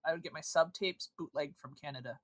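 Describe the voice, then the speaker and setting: A woman's voice: sits low, fast talker, dry recording. A woman chatting casually as a podcast co-host, rambling, swearing heavily and trailing off. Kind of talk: casual chat.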